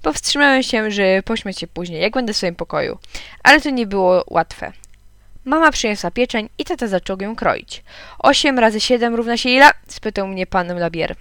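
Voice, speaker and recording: A woman reading a children's storybook aloud in a lively way, narrating as a small boy. Her voice is smooth and resonant, and the recording is dry and close, with no room sound. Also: medium pitch, moderate pace, no room sound. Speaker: audiobook reader. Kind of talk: children's audiobook narration, told as a young boy.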